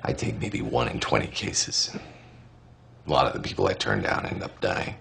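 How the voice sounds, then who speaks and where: A man's voice: rumbling low, very animated, normal speed, creaky, fairly bright tone, a little hiss or hum, exaggerated voice. An actor playing a blunt, sardonic middle-aged male doctor in a TV drama, with a cutting, dry delivery. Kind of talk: TV drama acting.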